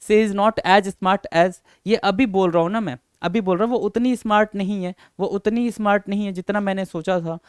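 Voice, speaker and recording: Guy teaching grammar, kinda high voice, clear and dry, repeats stuff a lot. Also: fairly even intonation, moderate pace, hardly any pauses, dry recording. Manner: mixes Hindi and English, calls students "beta" and "sir", repeats himself. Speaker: English teacher. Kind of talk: Hindi-English grammar lesson.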